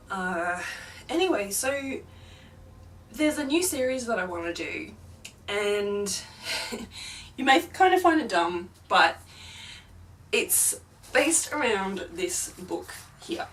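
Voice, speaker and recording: This paranormal YouTuber, a young woman with a fairly bright, mid-range voice, rambles casually through a home vlog full of fillers. Recorded on a distant mic at home, the clip carries faint noise from a film playing in another room.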